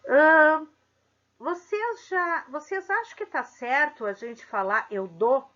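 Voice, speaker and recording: Slow-speaking teacher woman, lively pitch. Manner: slow, explanatory, asks the class questions. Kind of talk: grammar lesson for middle school. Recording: dull lo-fi sound.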